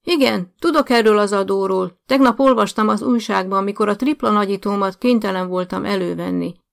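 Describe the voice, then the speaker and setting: A woman reading an audiobook, voicing a frail but fiery elderly woman who speaks up loudly and insistently. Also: mid-range voice, animated, creaky. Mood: indignant. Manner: loud, raised and insistent. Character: frail old woman, recovering, fiery and indignant.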